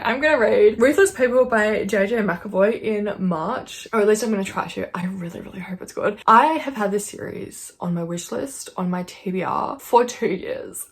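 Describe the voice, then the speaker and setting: A woman book vlogger chatting to camera at home by her bookshelf, excitable and thinking out loud. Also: mid-range voice, creaky. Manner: excitable and chatty, thinks aloud, with bursts of squealing. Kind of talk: casual chat to camera.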